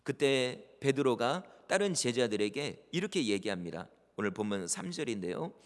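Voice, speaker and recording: A man's voice: mid-range voice, very animated, moderate pace. Man preaching in a reverberant church. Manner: earnest preaching, voices quoted prayers with rising intensity. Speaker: pastor. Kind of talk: sermon. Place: church sanctuary.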